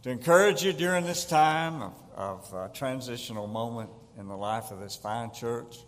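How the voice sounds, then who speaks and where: A man's voice: medium pitch, moderate pace, slight background noise. An older man with a Southern accent from Tennessee, preaching a folksy sermon as a guest pastor and telling humorous stories. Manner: storytelling, chuckles at his own jokes. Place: church sanctuary. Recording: long church hall reverb.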